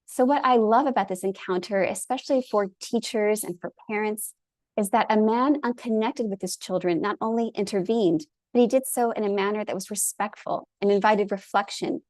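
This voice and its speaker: A woman's voice: medium pitch, darkish tone, dry recording. Earnest woman giving a storytelling lecture. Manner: earnest and enthusiastic. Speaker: presenter.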